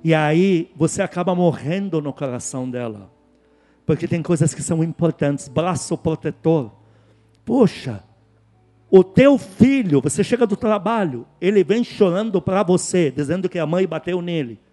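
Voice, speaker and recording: A man preaching a sermon, emphatic and repetitive, dropping to hushed asides and then rising to loud, lively exhortation. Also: fairly high pitch, moderate pace, soft background music. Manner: emphatic, repeats key words, swings from hushed to loud. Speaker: pastor.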